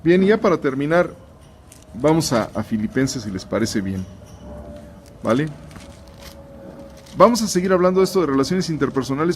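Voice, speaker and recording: A man's voice: fairly high pitch, a little mellow, a little hiss or hum. A man hosting a conversational Bible lesson for viewers, chatty, often restarting his sentences and turning aside to address his audience. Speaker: host and Bible teacher.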